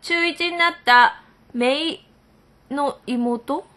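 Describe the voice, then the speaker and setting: A woman's voice: high-pitched, extremely slow, bright, forceful tone. A woman hosting a casual radio talk show, reading listener mail aloud with frequent giggles. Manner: playful, giggly, reads letters aloud.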